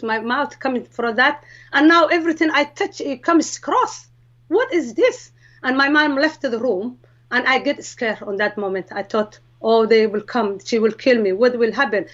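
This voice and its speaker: A woman's voice: on the high side, highs cut off. A woman from Somalia, speaking English with a Somali accent, tells an emotional personal faith testimony as an interview guest. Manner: earnest, emotional storytelling, rising into quoted voices.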